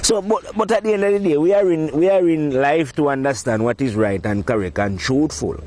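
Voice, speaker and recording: A man talking in a casual, rambling monologue, provocative and quick to laugh at his own points. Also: on the high side, a little mellow. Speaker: podcast host.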